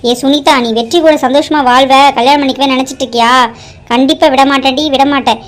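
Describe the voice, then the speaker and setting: A woman voicing a scheming, vengeful middle-aged mother in a cartoon drama, shrill and accusing. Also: fairly even intonation, quick pace, close to an everyday voice. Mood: threatening. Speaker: mother of the bride. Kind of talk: Tamil cartoon drama voice acting.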